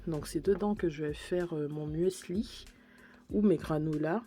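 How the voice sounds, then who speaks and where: Woman doing a casual haul vlog, chatty and gushy, warm mellow tone, quiet music in the back. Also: low voice, unhurried. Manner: chatty and gushing about purchases. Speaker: beauty and lifestyle vlogger.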